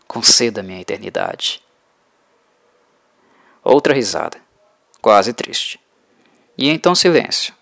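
A man reading an audiobook in an even, measured way. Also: medium pitch, gravelly, dry recording, studio quality. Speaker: audiobook narrator. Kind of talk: scripted narration.

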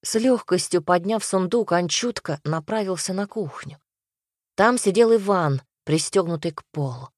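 A woman reading a fairy tale aloud with steady, expressive narration. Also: fairly low pitch, normal speed, no echo, studio quality. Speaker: storyteller.

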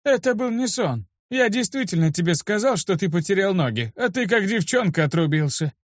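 A man voicing a grumpy old male mage with a creaky, gruff voice, in a dull, dry lo-fi recording. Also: sits high, lively intonation, fairly quick, dry recording, pitched above the performer's own voice. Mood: teasing. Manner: gruff, scolding.

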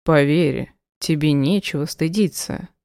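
A tender, teasing male werewolf played by a woman reading an audiobook murmurs softly and unhurriedly. The voice sits low and mellow, and it is recorded dry and close with no room sound. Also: vocal fry, dry recording. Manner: soft, slow and hushed. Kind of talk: audiobook character voice.

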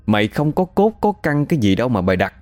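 A man's voice: mid-range voice, big pitch swings, fast, darkish tone, no room sound, faint music behind, pitched above the performer's own voice, close to an everyday voice. A man voicing an old man who scolds with contempt. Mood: scornful. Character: stern frail old man scolding a fake medium.

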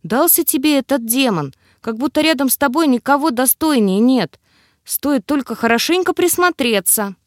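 A woman's voice: high-pitched, animated, normal speed, dry recording, studio quality, pitched above the performer's own voice. A woman voicing a cheerful, caring young male friend in an audiobook, teasing and then pleading.

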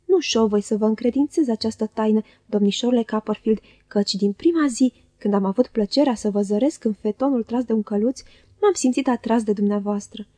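A cringing, falsely humble young clerk who fawns and flatters in a soft, oily voice, read by a woman. The tone sits a touch high and mellow, recorded close and dry for an audiobook. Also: no echo, lightly acted. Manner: oily, unctuous, soft-spoken.

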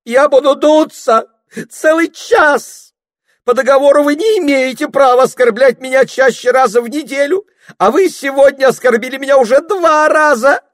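A man's voice: very animated, a little slow, no room sound, studio quality, full character voice. A man voicing a fussy, weepy female spider housekeeper who squeals and sulks, reading from a storybook. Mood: shrieking sulk. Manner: shrill, squealing, sulky.

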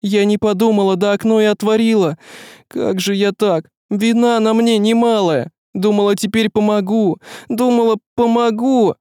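A man's voice: high voice, fairly even intonation, normal speed, dark tone, smooth, dry recording, clean studio sound, pitched above the performer's own voice, close to an everyday voice. A man voicing a young village girl who talks in old rustic folk speech, anxious and near tears. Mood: tearful, guilty.

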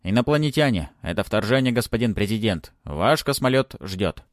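A man's voice: lowish voice, expressive, normal speed, no room sound, studio quality, lightly acted. A man voicing a formal male secretary reporting to his boss.

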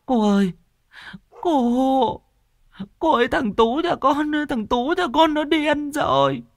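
A woman's voice: lively intonation, slow pace, dry recording, clean studio sound, heavily acted. A man voicing a frantic middle-aged village woman who sobs and begs shrilly for help. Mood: frantic wailing. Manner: shrill, sobbing pleas.

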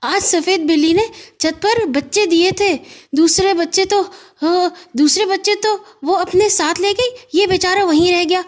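An excitable little boy from a storybook, as a woman puts him on, firing question after question in a breathless rush. His voice sits very high. He sounds hurried and eager.

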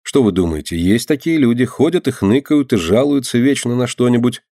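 Brief: male reader as a kindly, serious mother, measured and instructive, mid-pitched, dry sound. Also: animated, dark tone, dry recording. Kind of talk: audiobook character voice.

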